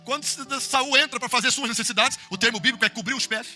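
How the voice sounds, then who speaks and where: A man preaching an impassioned Pentecostal sermon with a Brazilian Portuguese accent, building to shouts and sung phrases. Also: very high-pitched, fast talker, soft background music. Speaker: pastor.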